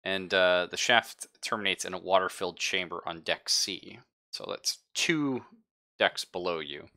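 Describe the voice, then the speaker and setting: A man serves as game master for a tabletop roleplaying game, speaking in a deep yet bright voice at a measured pace. His narration stays casual and conversational, peppered with jokes and swearing.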